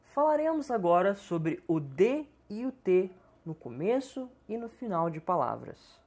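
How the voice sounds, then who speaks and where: A woman giving a scripted pronunciation lesson, speaking slowly and enunciating each word with deliberate care. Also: medium pitch, sing-song, a little mellow. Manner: slow, careful, deliberate enunciation. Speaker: English teacher.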